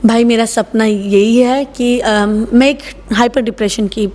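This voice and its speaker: Woman, 30s, Haryanvi accent, fairly high voice, blunt, emphatic, casual interview. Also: steady tone, unhurried, a little mellow. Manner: blunt, rough and tough, emphatic, often says "bhai". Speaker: salon owner, interview guest.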